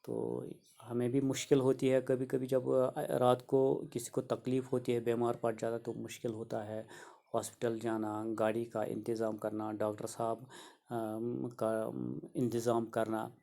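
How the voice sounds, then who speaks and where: A gravelly, mellow-toned man in middle age teaches a children's reading lesson. He keeps a level, unvaried delivery and repeats each idea in plainer words so young pupils can follow. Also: mid-range voice, monotone. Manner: repetitive, restates each sentence simply for children. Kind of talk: explaining a school reader lesson.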